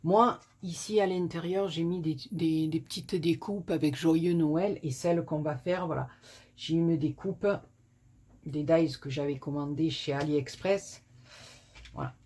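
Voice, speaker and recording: A woman's voice: deep voice, a little slow, dark tone. A woman from southern France hosting a chatty card-making tutorial at a small home desk, rambling and self-mocking with many fillers. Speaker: crafting channel host. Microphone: camera on tripod.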